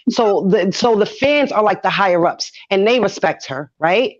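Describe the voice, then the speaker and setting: A woman's voice: medium pitch, lively intonation, normal speed, lo-fi sound. A woman with a New York accent in heated casual discussion, speaking emphatically and repeating phrases for effect. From Brooklyn, New York.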